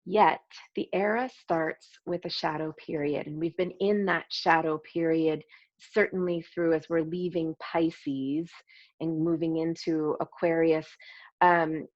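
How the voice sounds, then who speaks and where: A middle-aged woman, an energy healing teacher, talking gently and hesitantly with many ums and restarts before a meditation. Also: low-pitched, steady tone, a little slow, no room sound. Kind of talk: casual spoken introduction to a meditation. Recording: slightly dull, dry sound.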